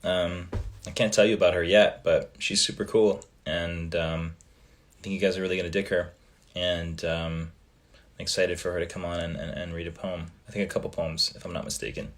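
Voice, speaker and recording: This livestream host is a man from Canada who grew up speaking Italian first. His voice sits low as he casually works through fan comments aloud, easygoing and peppered with ums and drifting pauses.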